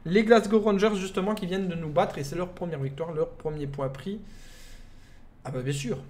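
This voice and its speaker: A man's voice: high voice, normal speed, a little mellow. A young man with a Belgian French accent, casually commentating a live football game stream and joking with chat. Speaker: gaming streamer. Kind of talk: live gameplay commentary, chatting with viewers.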